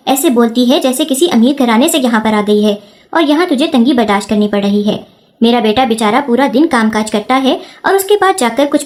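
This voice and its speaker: A woman's voice: a little high, darkish tone, close to an everyday voice. A woman voicing an angry mother-in-law who scolds harshly while defending her son.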